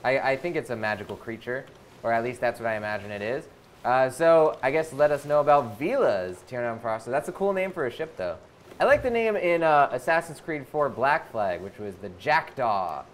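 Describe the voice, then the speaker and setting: A man's voice: mid-range voice, expressive, normal speed, slight background noise. A man hosting a live game stream, chatting casually and reading viewer comments aloud between moments of play. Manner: casual, lots of uh fillers, reads comments aloud.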